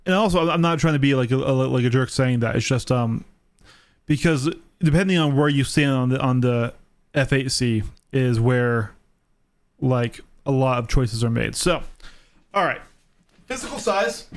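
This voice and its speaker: A man's voice: mid-range voice, expressive, moderate pace. A man streaming a game, explaining things step by step in a casual way and often checking in with "right?" and "okay?".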